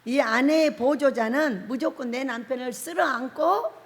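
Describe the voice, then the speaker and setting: Woman pastor, fairly high voice, chatty storytelling sermon, laughs a lot, long church reverb. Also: moderate pace. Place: prayer-house church sanctuary.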